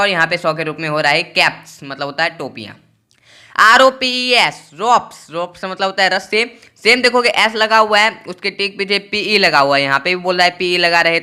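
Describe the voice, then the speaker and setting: A man teaching a pronunciation lesson, spelling out letters slowly and repeating each point. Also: sits high, bright, forceful tone, smooth.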